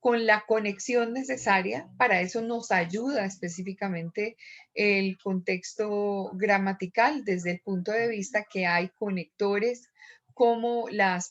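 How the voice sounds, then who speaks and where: A woman teacher giving a recorded lecture, explaining step by step with frequent pauses and fillers. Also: medium pitch, fairly bright tone, lo-fi sound.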